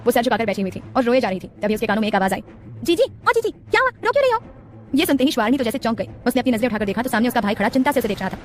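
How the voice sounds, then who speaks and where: A woman narrating a romance audiobook in a rapid, dramatic storytelling manner. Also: a little high.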